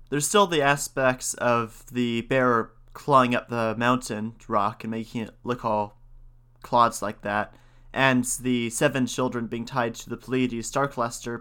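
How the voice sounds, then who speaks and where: A man reading folk tales aloud in a measured, plain way and commenting on them. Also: mid-range voice, bright, forceful tone. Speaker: storyteller and commentator.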